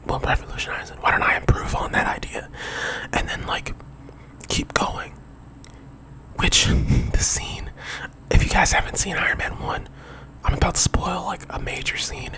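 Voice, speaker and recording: This poor-quality audio features a young adult whispering a casual ASMR monologue that drifts off into digressions. The speaker, an ASMR video creator, whispers throughout at a medium pitch.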